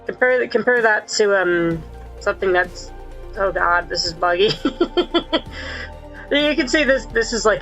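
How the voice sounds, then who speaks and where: A streamer talks through a live gameplay session, rambling, correcting themselves, and laughing often. Their voice runs through a digital pitched-up, chipmunk-like filter, with a fairly bright tone on a muffled recording.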